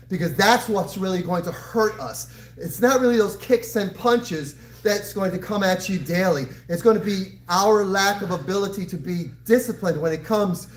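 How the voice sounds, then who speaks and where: A man's voice: high voice, low-quality recording. A man in his sixties, a karate instructor, talking to his class in an encouraging, direct coaching style. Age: 60s. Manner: encouraging, addressing students directly. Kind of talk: live fitness class coaching and motivational talk.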